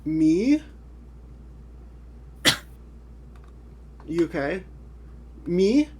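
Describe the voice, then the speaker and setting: A woman's voice: lowish voice, sing-song, very slow, husky. A young adult woman streaming a first-time webcomic reading, talking casually and puzzling things out aloud. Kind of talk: live-stream reading reaction.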